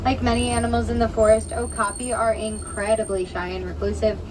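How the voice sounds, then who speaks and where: A woman's voice: level tone, a little fast. A woman with an American accent giving an emphatic, rehearsed spoken tour as a safari guide and driver. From Pennsylvania, United States. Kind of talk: spoken tour commentary to passengers. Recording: distant, noisy recording aboard a rumbling truck.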